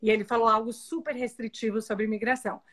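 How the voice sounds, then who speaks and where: A woman from Brazil, a professor, with a somewhat high voice, talks in a relaxed and chatty way. She tells her story over a video call. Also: fast. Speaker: guest, university professor.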